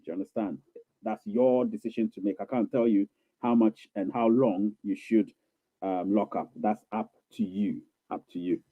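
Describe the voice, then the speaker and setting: Tinny, dry, phone-like audio with no room sound captures a man's fairly low, steady voice at a moderate pace. Hosting a casual live stream, he reads viewer questions and answers them reassuringly and coaxingly, rambling, repeating himself and using many fillers.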